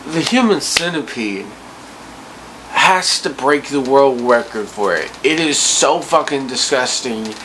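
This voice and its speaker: With a bright, forceful tone at medium pitch, a tipsy man vlogs an incredulous, profanity-laced rant about bad movies. He rambles loosely, and the rough recording carries slight background noise.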